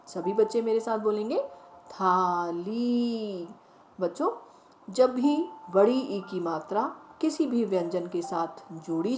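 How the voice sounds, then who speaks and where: A woman teacher leading a children's phonics lesson, speaking directly to the children and drawing each word out slowly as she repeats it. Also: medium pitch, a little hiss or hum. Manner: slow, drawn-out word repetition. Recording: roomy echo, faint music behind.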